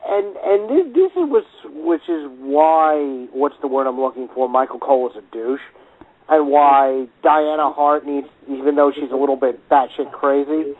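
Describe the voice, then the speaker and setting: A man's voice: a little high, normal speed. A man co-hosting a casual podcast chat, rambling and hesitant, restarting his sentences. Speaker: podcast co-host. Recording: tinny phone-like line.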